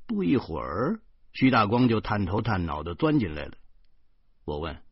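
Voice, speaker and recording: A man's voice: fairly low pitch, big pitch swings, normal speed, vocal fry, husky, dry recording. A man in his thirties with a Beijing accent, narrating an audiobook in a wry storytelling manner. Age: 30s. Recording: dull lo-fi recording.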